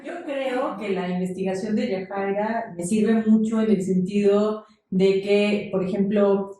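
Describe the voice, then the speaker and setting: A woman's voice: medium pitch, fairly even intonation, measured pace, dark tone. A woman researcher commenting in an academic discussion. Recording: very echoey, distant microphone.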